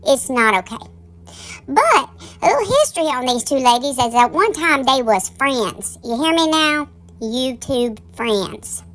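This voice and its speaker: Lady w a high voice dishing online gossip, campy n sassy like a drag queen, real folksy. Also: fairly bright tone. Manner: folksy, colloquial, addresses listeners as darlings. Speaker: online drama commentary host. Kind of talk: casual gossip commentary to camera.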